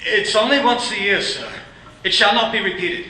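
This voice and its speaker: Timid clerk, played by a man, bright higher voice, deferential, echoey room with faint music. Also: moderate pace, far from the mic, heavily acted. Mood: apologetic. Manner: apologetic, deferential. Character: nervous humble male clerk. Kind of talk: radio play acting.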